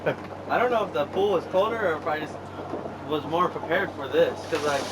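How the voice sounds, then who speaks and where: A man's voice: on the high side, lively intonation, fairly quick. A man chatting casually outdoors on a boat, with hyped, joking bravado. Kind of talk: casual chat. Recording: loud boat and outdoor ambient noise.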